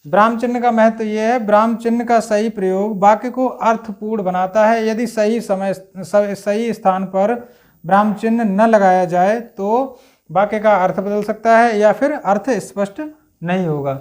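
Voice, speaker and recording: A man teaching a grammar lesson step by step, often checking in with his listeners and clearing his throat now and then. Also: high-pitched, steady tone, moderate pace, darkish tone. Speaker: Hindi teacher.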